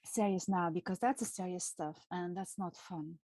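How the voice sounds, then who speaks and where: A woman with a French accent, hosting a live stream and talking in a halting way with many pauses and fillers. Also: on the low side, fairly even intonation, a little mellow, no room sound. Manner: halting, many fillers and restarts, laughs often. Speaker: channel host.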